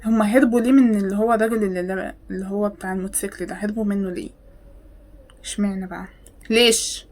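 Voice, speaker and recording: A woman with an Egyptian accent, reacting to videos with sarcastic, exasperated questions. She swings between loud outbursts and hushed mutters. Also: medium pitch, steady tone, fast talker. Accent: Egyptian Arabic.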